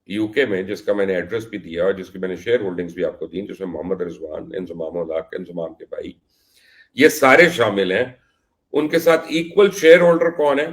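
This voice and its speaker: A man from Pakistan hosting an investigative cricket commentary vlog, speaking emphatically and in a confrontational, accusatory way. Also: mid-range voice.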